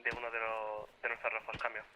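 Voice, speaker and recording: A man's voice: fairly low pitch, completely flat delivery, a little fast, low-quality recording. A man relaying squad reports over a walkie-talkie radio in clipped, formal military radio procedure during an online tactical game.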